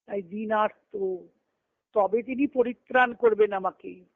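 Speaking at a measured pace in a medium pitch with fairly even intonation, a woman teaches scripture devotionally over a conference call, going phrase by phrase and repeating herself. There's no echo, though the phone-line audio is muffled and lo-fi.

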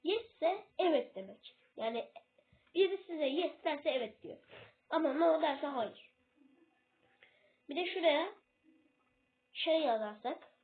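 A woman's voice: high-pitched, expressive, slow pace, long pauses. A woman giving a casual English lesson in a video, hesitant and often losing her place before correcting herself. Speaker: self-made English tutor. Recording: tinny phone-like recording.

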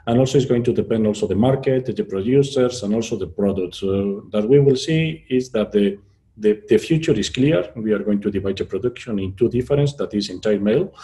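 A man's voice: fairly low pitch, a little fast, mellow. A man giving panel remarks in a webinar, restarting phrases often, with non-native phrasing.

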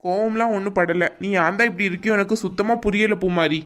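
In a cartoon voice-acting role, a woman plays an irritable young man with a Kanyakumari Tamil accent, sounding curt, scolding and impatient. Her natural voice is medium-pitched, steady in tone and fairly quick.

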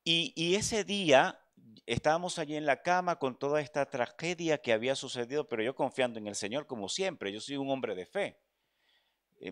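A man's voice: mid-range voice, a bit bright, no room sound. Earnest preacher man, dry close sound. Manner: earnest, addresses listeners as brother. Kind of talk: sermon with personal testimony. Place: church.

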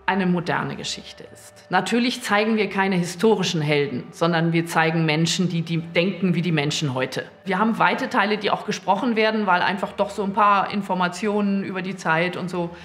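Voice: mid-range voice, fairly quick, few pauses, fairly bright tone, slight background noise. A speaker from the opera team explaining the project in an interview. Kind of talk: interview statement.

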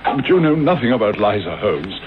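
An actor playing an earnest, kindly but easily indignant middle-aged English gentleman doctor in a radio drama, formal in manner. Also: fairly low pitch, very animated, brisk, over music. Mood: indignant, worried. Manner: earnest, formal, stammers when flustered. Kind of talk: 1980s radio drama acting. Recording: tinny, noisy old radio broadcast.

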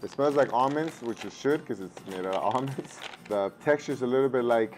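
Recorded indoors at a home table on a lapel mic with a little hiss or hum, a food reviewer in his thirties chats through a casual snack taste test. His mid-range, slightly mellow voice is husky from losing it the day before, and he talks a little fast. He's easygoing, thinks aloud with fillers, and switches to Spanish with his kids.

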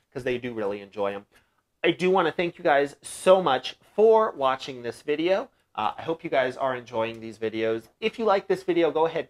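A young man hosting a casual DIY pet-care vlog from a small room at home, explaining things in a friendly way with lots of "uh" fillers, on a lapel mic. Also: mid-range voice. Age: young adult. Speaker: bird-keeping channel host. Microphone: lapel mic, seated facing camera.

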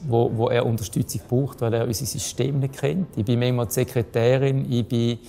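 A man's voice: mid-range voice, little pitch movement, fairly quick, creaky, dark tone, faint music behind. A man with a Swiss German accent, a running coach, talking earnestly in a documentary interview with some restarts.

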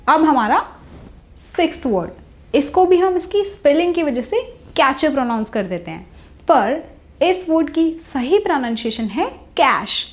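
A young woman teaches a pronunciation lesson, explaining in a mix of Hindi and English. Her high voice rises and falls a great deal as she teaches, and she repeats each target word slowly and clearly.

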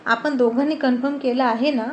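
A woman's voice: sits high, steady tone, brisk, dull audio, slight background noise, close to an everyday voice. A woman voicing a teasing, protective young man who also turns possessive. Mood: teasing, caring. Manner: playful teasing, turning possessive and stern.

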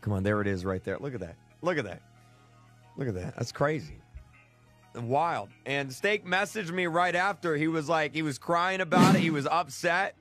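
A man's voice: a little high, moderate pace, a bit bright, faint music behind. A man hosting a gaming stream, chatting casually and rambling to his viewers with lots of restarts. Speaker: gaming channel host.

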